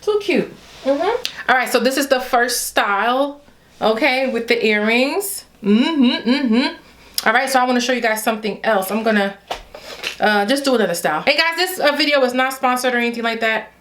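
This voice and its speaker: A young adult Haitian woman with a Haitian accent chats playfully in a casual hair vlog, addressing her viewers directly as "y'all." Her voice is fairly high and fairly bright, and she speaks at a normal speed. Slight background noise can be heard; she's a beauty vlogger.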